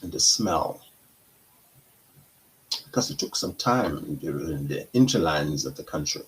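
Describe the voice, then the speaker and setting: A middle-aged man from Guyana, a counselor hosting a talk show, speaking in a slow, deliberate monologue with pauses and self-corrections. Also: very deep voice, lively intonation, poor audio.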